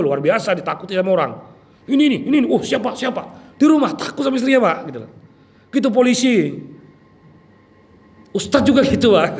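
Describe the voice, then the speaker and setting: A man preaching a religious study session, lively and joking, often addressing his listeners directly. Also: sits high. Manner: lively, jokey, keeps addressing listeners with "Pak". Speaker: Islamic preacher. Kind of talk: sermon.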